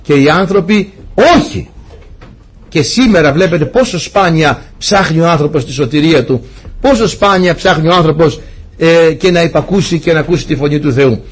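A man's voice: on the high side, husky. A middle-aged man giving a sermon to his congregation, preaching with energy and laughing at his own stories.

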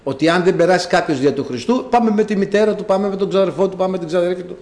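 A man preaching a sermon, telling a story with low asides and sudden high cries. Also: darkish tone.

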